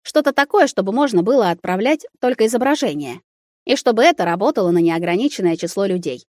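Woman doing young witch baker, scheming, brisk, lively pitch, dry sound, storybook. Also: no echo, lightly acted.

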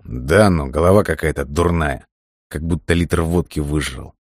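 A man voicing a hot-tempered young gangster who swears and yells at his friend. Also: rumbling low, normal speed, dry recording, studio quality. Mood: grumbling.

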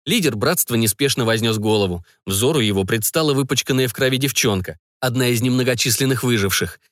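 Male narrator, mid-pitched and dry, for a steady, expressive dark-fantasy audiobook. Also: fairly quick, no echo.

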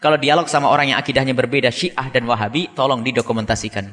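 A man preaching a sermon to a gathering, animated, climbing to high emphatic peaks and then dropping into quiet asides. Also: fast talker. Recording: long hall reverb.

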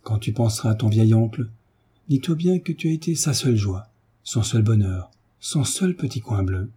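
A man's voice: on the low side, expressive, normal speed, warm tone, slightly rough. A man doing a frail, breathless old marquis. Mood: tender. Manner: weak, breathless.

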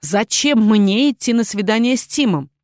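A woman's voice: fairly high pitch, expressive, moderate pace, dry recording, studio quality, lightly acted. A woman reading an audiobook, voicing a nervous, prim young woman student who fires off anxious questions. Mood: indignant. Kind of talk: audiobook character voice.

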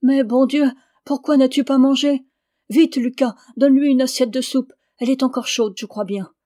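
A woman's voice: a little high, normal speed, warm tone, lightly acted. A woman reading the part of a caring peasant mother, anxious and reproachful. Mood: worried.

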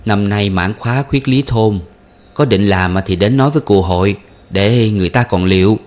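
Guy reading as tired young wife, quiet and firm, low-ish voice. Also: expressive, moderate pace, natural voice. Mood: instructing. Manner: hushed, instructing.

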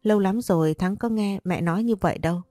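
A woman narrating a story audiobook in a steady storytelling manner. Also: medium pitch, quick pace, no room sound, clean studio sound, soft background music.

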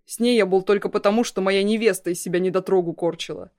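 A woman voicing a cruel young man, a blackmailing ex-fiancé, in a loud, mocking, threatening way. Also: medium pitch, quick pace, lightly acted. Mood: menacing.

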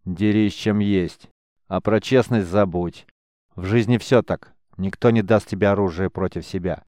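A man reading an audiobook, voicing a stern grand mage who speaks curtly and slowly. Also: low voice, steady tone, warm tone, no echo, clean studio sound. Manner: curt, stern, slow. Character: stern powerful male grand mage, curt. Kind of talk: audiobook character voice.

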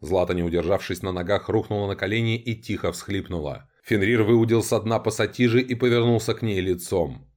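A man narrating an audiobook in an even, measured storytelling manner. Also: lowish voice. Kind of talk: scripted narration.

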